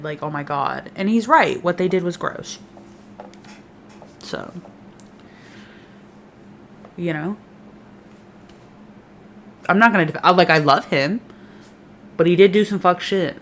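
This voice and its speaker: A woman's voice: fairly low pitch, a little hiss or hum. A young woman casually recapping a TV season, sarcastic and full of swearing, mimicking the characters as she goes. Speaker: recap vlogger.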